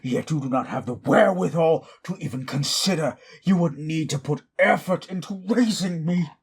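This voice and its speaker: A man playing Frankenstein's monster, a wrathful, lonely creature, in a formal, theatrical audio roleplay monologue with a rough-edged voice. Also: a little high. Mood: bitter wrath. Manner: formal, theatrical, slow deliberate delivery.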